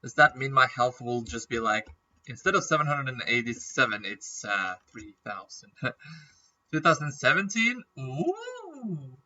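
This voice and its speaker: A man chatting casually through a game as a YouTuber, rambling and clearing his throat often with a nagging cough. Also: medium pitch, expressive, normal speed, sharp tone, far from the mic, highs cut off. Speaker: gaming YouTuber.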